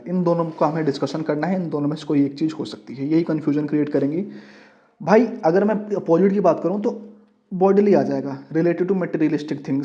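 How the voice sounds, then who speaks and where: A man's voice: fairly high pitch, dark tone. A man teaching an exam-prep English lesson, mixing English terms into his explanations and constantly asking students questions that he answers himself. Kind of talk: classroom-style exam lesson. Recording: dull lo-fi audio.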